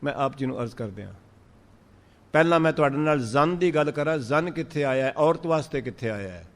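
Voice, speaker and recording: A man with a Punjabi accent giving a sermon, drawing out verses slowly and then explaining them in lively speech. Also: on the high side, big-room sound. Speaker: Sikh preacher. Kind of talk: sermon on scripture.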